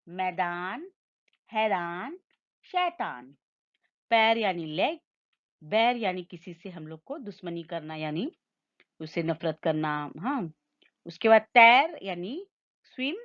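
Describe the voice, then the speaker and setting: Slow, clear woman Hindi teacher. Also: on the high side, dry recording, dull audio. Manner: slow, clear, drilling word lists aloud for repetition. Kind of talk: online classroom lesson.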